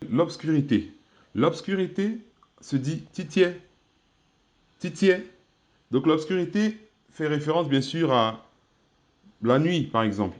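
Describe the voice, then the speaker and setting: A man teaching an online language lesson, patient, repeating each word slowly with careful tones. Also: on the high side. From Côte d'Ivoire.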